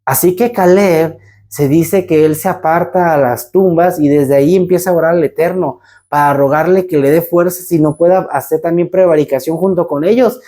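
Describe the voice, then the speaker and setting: A man's voice: a little high, normal speed, warm tone. A man teaching a Bible portion, telling the story with animation and acting out what the people in it said.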